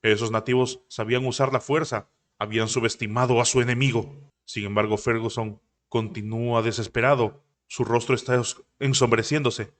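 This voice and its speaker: A man tells a comic's story in a steady recap voice, pitched in the middle of the usual male range. He moves from scene to scene, stumbling now and then and correcting himself as he goes. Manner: rapid retelling with occasional self-corrections. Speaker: manhwa recap narrator.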